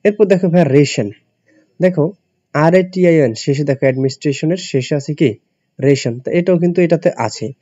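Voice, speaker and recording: A man's voice: on the high side, moderate pace, dark tone, no room sound. A male teacher from Bangladesh giving an English spelling lesson. He explains step by step, spells out letters and keeps asking his students questions. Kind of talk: classroom-style lesson for admission students. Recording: dull, dry lo-fi recording.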